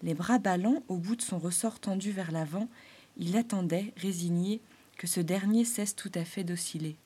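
Mellow soft-spoken woman storyteller. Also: on the low side, husky. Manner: soft, measured and gentle, at times whispered. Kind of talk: storybook narration.

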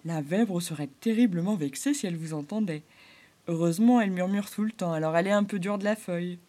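A woman voicing a calm, wise male beaver, kindly and patient in a storybook reading. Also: on the low side, fast talker, natural voice.

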